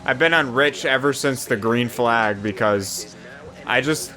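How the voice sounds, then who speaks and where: A young man casually commentating his own racing game session, swearing often and rambling between excited yelps. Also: medium pitch, a little slow. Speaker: gaming YouTuber.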